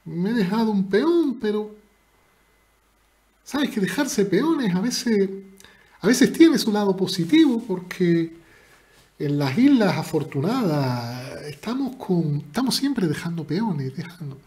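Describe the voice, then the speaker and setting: A man's voice: high voice, sing-song, slow pace, a little mellow, pitched above the performer's own voice, heavily acted. A man putting on a Canarian Spanish accent, playing an easygoing, affectionate islander who drawls and calls everyone "mi niño". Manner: drawling, sing-song and calling people "mi niño".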